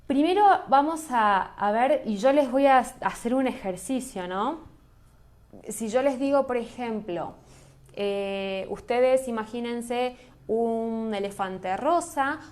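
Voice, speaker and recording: A woman's voice: a little high, a little mellow. A woman teaching a graphology class online, chatty and enthusiastic, answering chat questions as she goes. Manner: enthusiastic, chatty, loses her thread.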